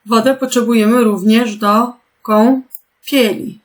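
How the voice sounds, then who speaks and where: A woman teacher speaks slowly and carefully to young children, spelling out each instruction. Her voice sits a little high. She keeps turning to her pupils with gentle questions. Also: steady tone. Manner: slow, patient, clearly articulated instructions. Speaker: primary school teacher. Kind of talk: remote lesson for young children.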